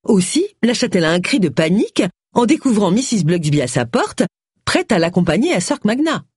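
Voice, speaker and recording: Female audiobook narrator, animated, breathy, dry close sound. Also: mid-range voice, brisk, no room sound. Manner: lively expressive reading. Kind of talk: scripted narration.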